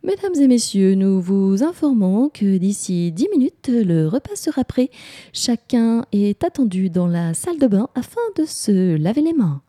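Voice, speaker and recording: A woman imitating a formal department-store loudspeaker announcer, slow and measured. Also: medium pitch, big pitch swings, no echo, voice pushed up.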